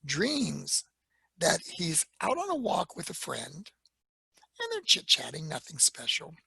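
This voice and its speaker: A man giving a storytelling talk at a library, retelling events in an animated way and slipping into the voices of the people in his story. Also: a little high, takes it slowly, gravelly, husky, no room sound.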